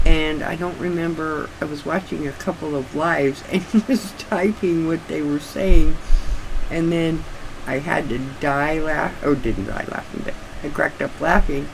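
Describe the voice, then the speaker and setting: An older woman chatting casually and haltingly, with slightly restricted articulation, as if her sore jaw won't open wide. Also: sits low, gravelly, background noise. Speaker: craft vlogger. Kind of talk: casual rambling chat.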